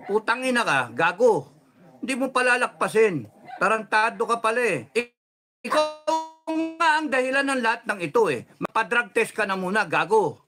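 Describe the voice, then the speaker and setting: A middle-aged man from the Philippines delivering a heated, cursing political rant, swinging from shouts to low controlled muttering. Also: expressive, moderate pace. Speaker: political commentator.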